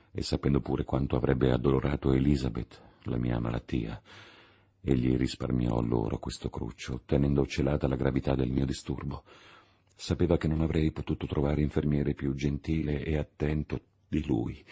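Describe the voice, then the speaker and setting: A man narrating an audiobook in a theatrical way, dropping to hushed whispers and rising to loud outbursts. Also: very deep voice, vocal fry, slightly rough. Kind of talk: dramatic audiobook reading.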